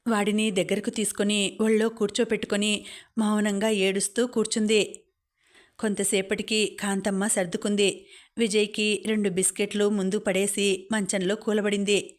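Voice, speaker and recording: A woman audiobook narrator reading a novel in a steady, even storytelling manner. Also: mid-range voice.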